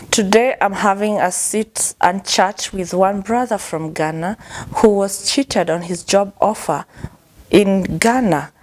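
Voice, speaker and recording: A woman hosting her own show, thanking viewers politely and interviewing a guest. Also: mid-range voice. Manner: polite, many thank-yous, frequent mm-hmms. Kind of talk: vlog intro and interview.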